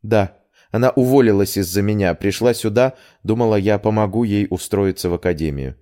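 A proud young heroine, hurt and insistent, as a man puts her on in an audiobook reading. Her questions come out emotional and pleading, from a low voice pushed somewhat higher. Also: brisk, dark tone, lightly acted. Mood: determined.

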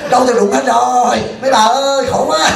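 A man's voice: very high voice, fairly even intonation, fast, gravelly, soft background music, pitched above the performer's own voice, heavily acted. A man voicing a fretful, distressed woman who wails complaints in an echoey hall. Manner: wailing, complaining.

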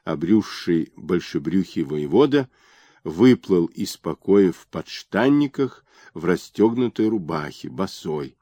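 A man reading a historical novel aloud as an audiobook narrator, in expressive, unhurried storytelling. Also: sits low, no room sound, studio quality.

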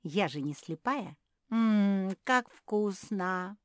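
A woman's voice: mid-range voice, big pitch swings, a little slow, no echo, clean studio sound, voice pushed up. Woman doing a cheeky pug sister. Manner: bold, matter-of-fact.

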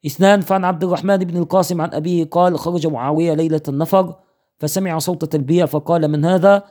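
Fast-reading man with a mellow voice. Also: a little high, fairly even intonation. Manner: measured, enumerating points and citing sources. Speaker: Islamic jurisprudence teacher. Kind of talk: reading a fiqh text aloud.

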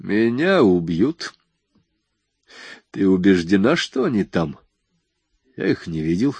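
A man's voice: low-pitched, sing-song, slow pace, darkish tone, husky, no room sound, exaggerated voice. A man reading an audiobook voices a hardened young man who gives curt, commanding orders. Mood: cold. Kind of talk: audiobook dialogue.

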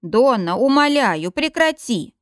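A woman plays a lecherous, timid old man who pleads and stammers when caught out. The voice rises high and lively, with a close, dry sound. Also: slow, no echo. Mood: pleading.

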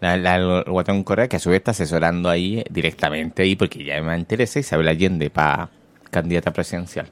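Low-pitched and clean-toned, this man speaks at a quick pace. As a Chilean-accented morning radio host, he casually riffs on politics with a wry edge and reads messages sent in by listeners.

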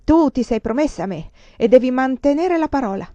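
A desperate, possessive suitor, voiced by a woman reading aloud, who pleads and commands in an impassioned storybook voice. The voice sits fairly high. The recording is dry and a little dull, with no room sound. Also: normal speed, dark tone, dry recording, close to an everyday voice. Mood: commanding.

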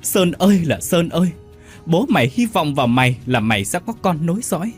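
A man's voice: on the high side, big pitch swings, fairly quick, faint music behind, voice pushed up. A man voicing a wailing older mother. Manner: wailing, pleading. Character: grief-stricken older mother, shrill and pleading.

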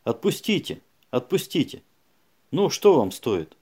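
A man's voice: medium pitch, big pitch swings, unhurried, darkish tone, slightly rough, pitched above the performer's own voice. A man voicing a frightened young woman suspect who pleads in broken phrases in an audiobook. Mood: pleading.

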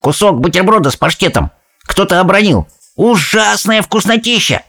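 A man's voice: animated, moderate pace, fairly bright tone, full character voice. A man voicing a spoiled, whiny little boy who has been turned into a mouse, in an audiobook reading. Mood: indignant. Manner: shrill, whining, indignant.

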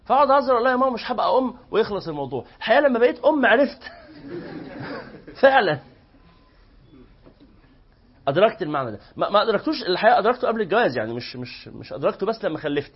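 A man's voice: high voice, racing, long pauses, breathy edge, dull audio. A man with an Egyptian accent teaching a religious lesson to a class, telling stories and acting out both sides of the dialogue. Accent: Egyptian Arabic. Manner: lively storytelling that acts out both sides of quoted dialogue. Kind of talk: lecture to a live class.

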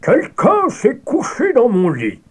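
A man voicing a big, gruff papa bear in a storybook reading, with a booming, husky voice. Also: wildly swooping pitch, slow, heavily acted. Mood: grumbling. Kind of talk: storybook character voice.

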